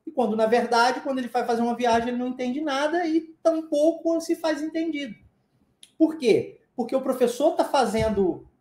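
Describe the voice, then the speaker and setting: A man's voice: very high voice, dark tone. Emphatic Brazilian male teacher, roomy sound. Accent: Brazilian Portuguese. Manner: emphatic, explaining with frequent checks like "tá?" and "percebe?". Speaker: English teacher. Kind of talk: online language lesson.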